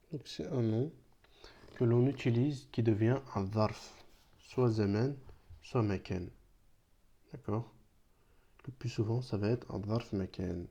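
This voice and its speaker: A man's voice: on the low side, mellow. A man, a native Arabic speaker, explaining an Arabic grammar lesson patiently, often checking in with "d'accord?". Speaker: Arabic teacher. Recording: dull lo-fi sound.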